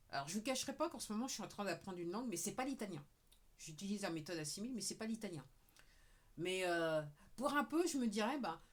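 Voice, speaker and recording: With a lowish, slightly rough voice, a woman video creator chats casually to her audience. The talking-head monologue rambles, is full of "ok"s and occasionally sinks to a murmur as she speaks straight to viewers.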